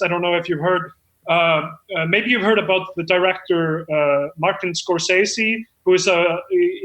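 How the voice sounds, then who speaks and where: A high-pitched, slightly bright male voice hosts a comedy show in character as a deluded, eager amateur screenwriter running his own reading. Chatty and rambling, he's effusive and self-important, tripping up when he strays from the script, in a mock talk-show monologue with roomy echo.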